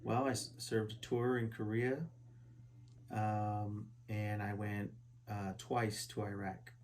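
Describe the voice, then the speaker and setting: A man in his forties from Southern California, a veteran answering oral history questions at a relative's house, halting with many fillers and restarts. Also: on the low side, flat delivery, darkish tone. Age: 40s. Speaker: interviewee, Army veteran. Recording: poor quality home recording.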